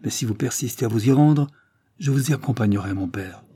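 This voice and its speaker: A man's voice: mid-range voice, a little fast, mellow, husky, no echo, studio quality, natural voice. A man reading an anguished, desperate young nobleman in an audiobook, his voice climbing in impassioned outbursts. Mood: troubled.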